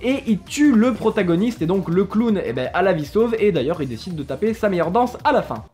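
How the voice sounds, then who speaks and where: High-voiced jokey man narrating. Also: very animated, fairly quick, darkish tone. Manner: jokey, playful, swears casually. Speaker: YouTube host. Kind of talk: casual storytelling commentary.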